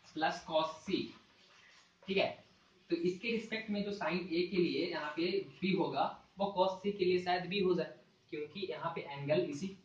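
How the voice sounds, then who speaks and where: A man teaching a math lesson at a board, talking through formulas slowly and checking in with the class again and again. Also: fairly high pitch. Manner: repeats points with frequent "ठीक है" check-ins; slow and deliberate when writing formulas. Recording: echoey, dull sound from a distant mic.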